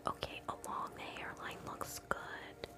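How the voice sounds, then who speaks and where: A woman whispering softly through an ASMR scalp-exam role play, chatting gently with live viewers between slow steps. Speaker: ASMR livestream host.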